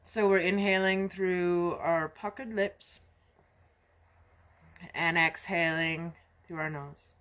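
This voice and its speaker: A woman guiding a yoga breathing practice in a slow, soft, soothing way. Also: fairly low pitch, steady tone, muffled recording. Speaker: yoga instructor. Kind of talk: guided breathing instruction.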